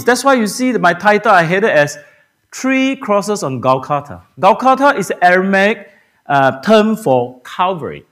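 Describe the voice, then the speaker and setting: A man preaches a Good Friday sermon from a church pulpit. His voice sits high and swings widely in pitch as he throws rhetorical questions at the congregation. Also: a bit bright. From Singapore. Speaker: pastor. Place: church sanctuary.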